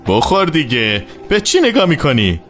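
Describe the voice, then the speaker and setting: A man's voice: fairly high pitch, huge pitch swings, noisy background. A flippant, mocking young man. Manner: flippant, teasing. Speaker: dubbing actor. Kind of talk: dubbed TV drama.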